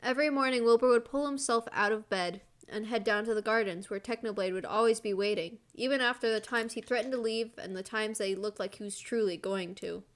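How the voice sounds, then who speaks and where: A woman's voice: fairly high pitch, brisk, hardly any pauses. Woman streamer reading a story aloud. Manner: playful, teasing.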